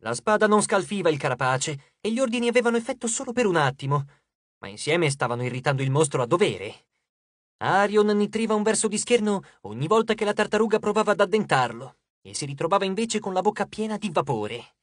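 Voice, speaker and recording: An audiobook narrator giving a lively, dramatic scripted reading on a close studio mic. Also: medium pitch, brisk, dry recording.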